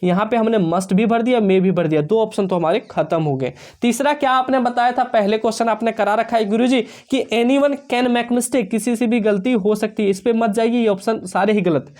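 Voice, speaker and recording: A man teaching an exam-prep English lesson, explaining step by step and reading English sentences out slowly. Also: high-pitched. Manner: addresses students warmly as dear children.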